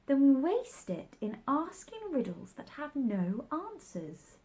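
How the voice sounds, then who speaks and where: Young storybook girl, played by a woman: high, lively, well-mannered, cautious yet outspoken. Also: slow, exaggerated voice. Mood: weary, reproving. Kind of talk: children's storybook character voice.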